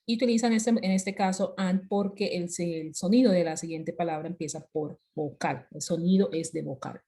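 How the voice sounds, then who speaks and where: A woman's voice: lowish voice, steady tone, moderate pace, warm tone. A woman instructor explaining English grammar in an online class over a video call, patient and repeating herself as she goes.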